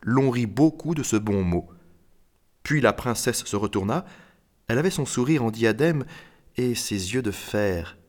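Animated man reading a storybook. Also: mid-range voice, unhurried. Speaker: narrator. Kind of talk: audiobook narration with character voices.

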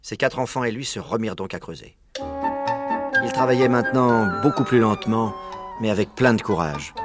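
A man narrating a children's story aloud, expressive and slowing down for suspense. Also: on the low side, over loud music. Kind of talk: storybook reading.

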